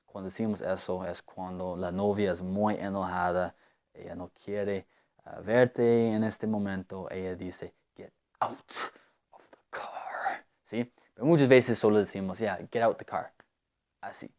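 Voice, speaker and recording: A man gives a language lesson at a very slow, deliberate pace, stopping on fillers and repeating words as he searches for them. His voice sits a little low, and he speaks as an English speaker explaining grammar. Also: darkish tone. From United States. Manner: unhurried, hesitant, with many fillers and repeated words. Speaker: English teacher.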